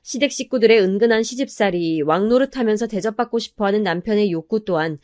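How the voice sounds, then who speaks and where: A woman of middle pitch tells a personal story in scripted narration. Her reading is calm, even and confiding. She sounds like a storyteller speaking straight to the listener. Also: quick pace.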